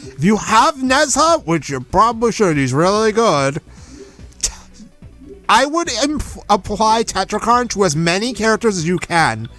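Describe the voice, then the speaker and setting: A man's voice: sits high, big pitch swings, unhurried, pushed and bright, faint music behind. A young man casually commenting on a game he is playing, chatty and giving strategy tips. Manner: chatty, gives strategy tips, self-correcting. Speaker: let's play host.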